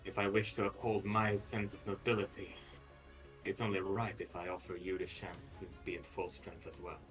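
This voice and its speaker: A man's voice: deep voice, level tone, moderate pace, a bit bright, soft background music, rough recording. A man playing a proud, honor-bound young male noble swordsman who speaks formally and with measure.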